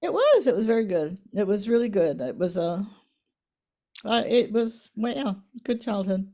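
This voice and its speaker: A woman in her eighties, reminiscing in a casual family interview, soft-spoken, her voice trailing off quietly at the ends of lines. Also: mid-range voice, big pitch swings, normal speed. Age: 80s. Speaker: interviewee, the mother.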